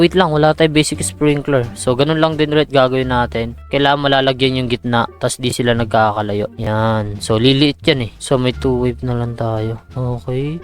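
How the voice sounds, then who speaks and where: A man giving casual, excitable commentary on a farming game, with exclamations over big crops. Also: medium pitch. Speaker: gaming streamer. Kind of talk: casual Roblox gameplay commentary.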